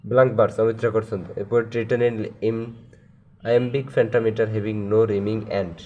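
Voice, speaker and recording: A man with a Bangladeshi accent teaches a lesson, reading terms one at a time and explaining each, switching between English terms and Bengali with drawn-out fillers. His fairly low voice is dark with little pitch movement, in a muffled recording with slight background noise.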